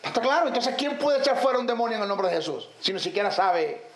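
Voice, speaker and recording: A man's voice: extremely high pitch, expressive, fast. A man teaching theology as a Bible teacher, firing rhetorical questions and listing terms emphatically. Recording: echoey room, faint background noise.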